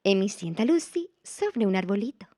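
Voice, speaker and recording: A woman reading a children's picture book aloud in a slow, expressive, playful way. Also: medium pitch. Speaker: storyteller.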